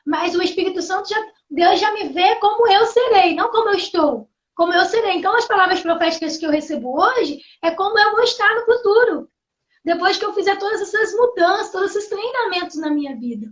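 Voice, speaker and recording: Woman, very high voice, earnest and halting, muffled lo-fi livestream sound. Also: expressive. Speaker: host. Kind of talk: live testimony.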